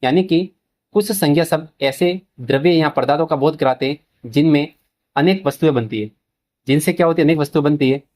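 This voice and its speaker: Male teacher, slightly high voice, repeats and quizzes. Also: a little mellow. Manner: asks questions and answers them himself, repeats key terms; addresses students as children, mixes English terms into Hindi. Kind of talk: exam-prep grammar lesson.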